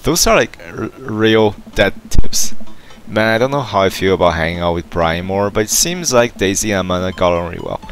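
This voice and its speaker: Low-voiced man reading a game aloud. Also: expressive, fairly quick, a bit bright. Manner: reads game text aloud with stumbles and laughs. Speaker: let's play gamer. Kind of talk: casual reading of a dating game.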